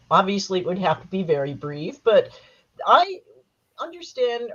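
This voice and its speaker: A woman with a slightly hoarse voice from a cold, leading a panel discussion in a chatty, wry lecturing manner. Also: lowish voice, lo-fi sound. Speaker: panel moderator and Halloween historian. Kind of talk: panel discussion on a live stream.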